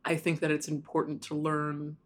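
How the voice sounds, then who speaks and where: This is a woman from Hawaii talking about her life in a casual interview, recorded in a small hotel room. Her voice sits very low for a woman. She tells her story easily, with wry humor and quick self-deprecating asides. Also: completely flat delivery. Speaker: interview guest, author.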